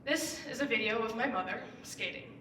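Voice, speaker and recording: A late-teen schoolgirl earnestly delivers a persuasive speech on stage, her fairly high voice bright and forceful at a moderate pace. Emphatic rises push her key words up. There's a little hiss or hum, along with roomy echo from a distant mic.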